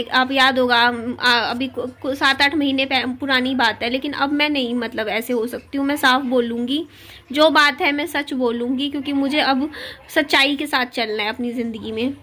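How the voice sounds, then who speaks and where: A widowed adult woman records a heartfelt personal confession for her viewers, speaking earnestly with many fillers and restarts. Her voice sits high with fairly even intonation and a bright, forceful tone at normal speed, and her throat sounds a little sore.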